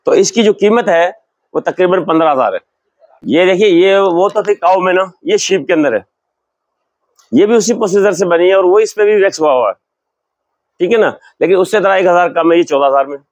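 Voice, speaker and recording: A man's voice: sits high, brisk, dry recording. An older man from Pakistan, a leather shop owner explaining his goods in a sales demonstration, on a lapel mic in a large shop. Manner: explanatory, shows goods while talking.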